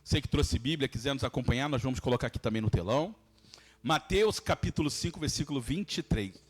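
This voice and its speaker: A man's voice: medium pitch, expressive, fast talker, husky. A man with a Brazilian Portuguese accent, a pastor preaching and praying fervently in a preaching cadence. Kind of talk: sermon and fervent prayer.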